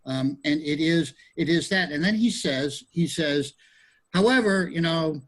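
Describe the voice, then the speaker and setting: A man leads a study group over a video call, talking in a loose, rambling way with frequent restarts. His voice sits a little high for a man and has a husky edge. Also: unhurried, low-quality recording. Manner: rambling, many restarts and fillers.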